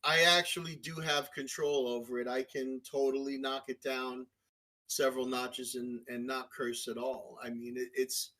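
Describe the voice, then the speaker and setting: A man's voice: mid-range voice, flat delivery, normal speed, pushed and bright, low-quality recording. A middle-aged man with a Brooklyn New York accent, talking frankly and rambling as a podcast guest, with lots of fillers and restarts. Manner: frank, crass. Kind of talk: casual conversation.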